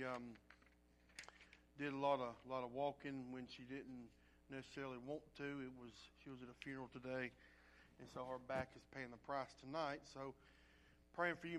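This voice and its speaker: Man, rattly congested voice, medium pitch, folksy halting pastor, humming noisy live recording. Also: fairly bright tone. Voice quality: rattly, congested throat from a seasonal bug. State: mild throat congestion. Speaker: pastor leading an evening church service. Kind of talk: informal church announcements and prayer requests.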